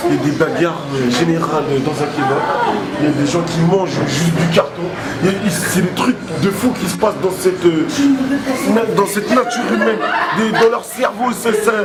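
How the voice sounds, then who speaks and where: A young man playing an excitable street reporter, talking breathlessly and laughing through a hammy mock live report. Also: sits high, lightly acted. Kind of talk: comic mock news report. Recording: echoey room with loud music behind.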